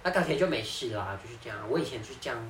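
A woman's voice: very deep voice, racing. A young woman, telling a story in casual podcast chat with lots of laughter. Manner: animated storytelling, laughs often. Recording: echoey room, distant mic, background noise.

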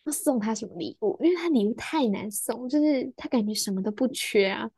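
Animated young woman telling a story. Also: on the high side, husky. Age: young adult. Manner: animated storytelling, quick laughs, acts out quoted lines. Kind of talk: casual podcast chat.

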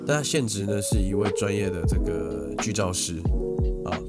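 A man's voice: sits low, animated, moderate pace. A man with a Taiwanese Mandarin accent co-hosting a podcast in casual chat, with music playing. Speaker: podcast co-host.

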